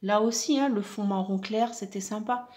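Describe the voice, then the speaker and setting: A woman's voice: mid-range voice, normal speed, a little mellow. A woman, a crafting vlogger chatting casually, with many fillers and restarts, as she shows her finished pieces. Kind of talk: casual show-and-tell vlog.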